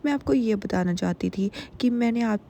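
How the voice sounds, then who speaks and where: A woman's voice: on the high side, moderate pace, mellow, slight background noise, natural voice. A woman voicing a blunt woman who demands money and makes threats, close to her own voice. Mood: demanding.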